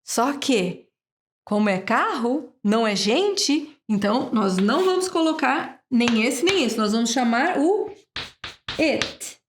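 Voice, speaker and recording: A woman teaching an English lesson from Brazil, patient and slow, repeating each sound many times. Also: on the high side, animated, noisy background.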